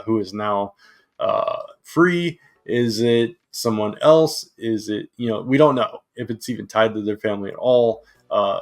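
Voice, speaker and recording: Man, deep-ish voice, slightly hoarse, excited, many ums and restarts, casual review chat. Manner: enthusiastic, with many fillers and restarts. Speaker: comic book reviewer and host.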